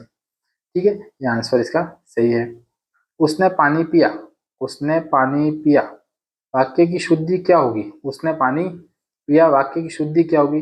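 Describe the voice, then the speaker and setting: Teacher drilling grammar questions. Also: male voice, a little high. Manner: repeats sentences aloud, asks and answers his own questions. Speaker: exam prep teacher. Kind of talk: casual classroom explanation. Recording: dull lo-fi sound.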